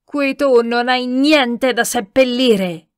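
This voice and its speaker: A woman's voice: on the high side, lively intonation, slow pace, dry recording, studio quality. A woman voicing a powerful, enraged colonel who thunders his words in an audiobook. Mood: furious shouting.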